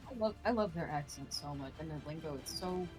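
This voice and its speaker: A woman's voice: sits low, lively intonation, a little fast, music in the background. A young woman doing chatty, rambling color commentary on a college esports match. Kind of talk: live casual color commentary.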